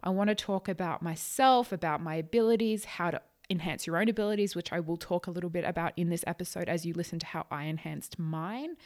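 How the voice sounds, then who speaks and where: A woman's voice: fairly low pitch, fast talker, few pauses, darkish tone. A woman talking casually on a solo podcast, chatty and a little nervous, stumbling over her words and rephrasing as she goes. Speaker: podcast host, psychic channel.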